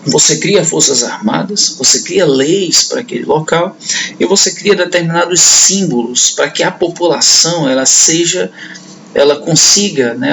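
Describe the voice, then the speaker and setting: A man's voice: a little high, vocal fry, fairly bright tone, slight background noise, poor audio. A man giving a history lecture to students, talking conversationally and checking in with his class often. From northeastern Brazil. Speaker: history teacher.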